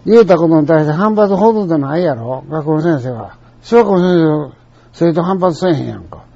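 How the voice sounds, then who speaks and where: A man's voice: on the high side, lively intonation, fairly quick, gravelly, warm tone, dry recording. An older man with a Kansai accent telling a rambling personal anecdote in a chatty, colloquial, digressive way. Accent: Kansai Japanese. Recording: dull lo-fi recording.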